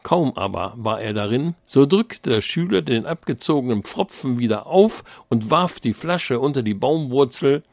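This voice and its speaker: A man narrating a fairy tale as an audiobook, in a measured, deliberate manner. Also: mid-range voice, expressive, gravelly, no room sound, muffled recording.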